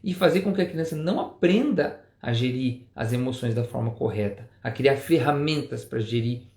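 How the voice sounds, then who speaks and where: A man's voice: mid-range voice, lively intonation, moderate pace, darkish tone, reverberant. A man co-hosting a parenting talk, explaining things in a casual way with lots of tag questions. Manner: explanatory, many "né?" tags. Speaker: parenting show co-host, father. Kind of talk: casual couple conversation.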